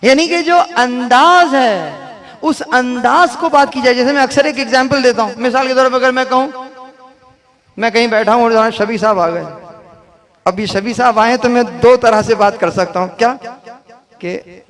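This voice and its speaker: A man's voice: very high-pitched, moderate pace, a bit bright. A man with a Pakistani Urdu accent gives a religious sermon at a mourning gathering. He asks his listeners questions and acts out different ways of saying a phrase to make his point.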